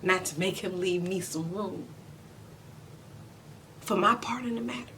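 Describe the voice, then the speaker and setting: A woman in her forties playing a weary, proud, loving mother in an emotional stage monologue, speaking deliberately with heavy pauses. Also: pushed and bright. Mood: regretful. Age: 40s. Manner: deliberate, heavy pauses, swinging from near-whisper to tearful outcry. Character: weary, proud middle-aged mother and widow, wounded but loving. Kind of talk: emotional stage monologue, self-taped audition. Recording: distant mic, noticeable low rumbling noise.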